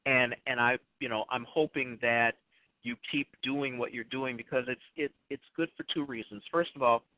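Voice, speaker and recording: A man's voice: mid-range voice, steady tone, moderate pace, no room sound. Chatty man host on a tinny phone line. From Chicago area. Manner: rambling, stacks up restarts and asides. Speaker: radio show host. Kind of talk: casual interview chat.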